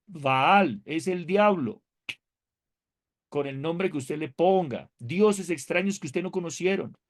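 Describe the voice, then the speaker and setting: Lively, higher-voiced male theology teacher. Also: slow. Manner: animated and conversational, asks the class questions and jokes; reads scripture aloud with emphatic rises. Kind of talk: seminary classroom lecture.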